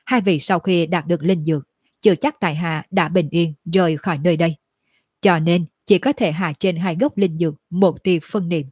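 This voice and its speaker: A woman voicing a calm, cunning young male cultivator who speaks politely and composed. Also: on the low side, normal speed, breathy edge, dry recording, studio quality.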